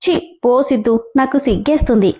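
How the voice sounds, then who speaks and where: A woman's voice: fairly high pitch, normal speed, warm tone, husky. A woman voicing a naive, clingy young woman who talks in a pleading, girlish way in a story reading.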